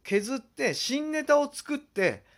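A man hosting a solo comedy talk show, lively and self-deprecating as he explains his impressions. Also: very high-pitched, takes it slowly. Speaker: podcast host.

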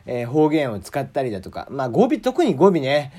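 Rambling man with lively pitch. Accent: slight Hakata dialect traces. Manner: rambling, many drawn-out fillers, chuckles at himself. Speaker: podcast host. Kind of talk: casual solo talk show.

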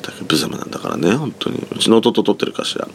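A man hosting a casual solo talk show from a room at home, chatting in a rambling way with soft feminine speech endings, his raspy voice still sleepy from just waking up. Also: fairly low pitch, huge pitch swings, rapid-fire, slight background noise. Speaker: solo podcast host. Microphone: phone app mic set back from the mouth. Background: faint background music.

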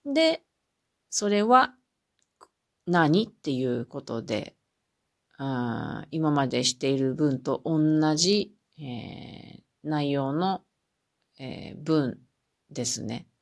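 A woman hosts a solo podcast lesson on French. Her voice is low and gravelly. She explains in small, patient steps, pausing on fillers, and reads each example phrase slowly before repeating it. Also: very animated. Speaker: French language teacher.

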